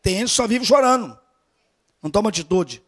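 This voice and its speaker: A man with a Brazilian accent preaches at a church service, telling a story from his own life. His voice sits high for a man and stays lively, sinking to near-whispers before rising into loud exhortation. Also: brisk. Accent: Brazilian Portuguese. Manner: animated, swings from hushed asides to loud urging. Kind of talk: storytelling sermon.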